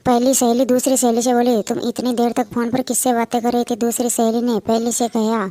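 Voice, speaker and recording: A woman reads short jokes one after another in a fairly high voice. She keeps an even, level delivery through every quoted line. Clear background noise runs under the recording. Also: a little fast. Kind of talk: reading jokes aloud.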